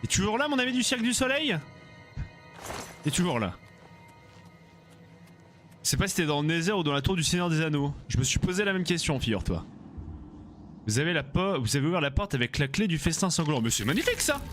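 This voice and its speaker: A man's voice: a little high, big pitch swings, fairly quick, long pauses. A man giving casual let's-play commentary, joking, swearing often and bantering with the game's characters. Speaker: gaming streamer. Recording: game music loud behind the voice.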